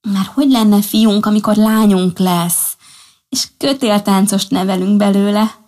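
A woman's voice: mid-range voice, steady tone, a little mellow, pitched above the performer's own voice, lightly acted. A woman voicing a stubborn pregnant female rabbit who walks the tightrope in a storybook. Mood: teasing.

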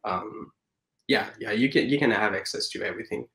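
A man's voice: fairly low pitch, a little fast, vocal fry, pushed and bright, reverberant. A man in his thirties from France with a French accent, speaking casually as an interview guest, hesitant with many fillers and restarts. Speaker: guest animator.

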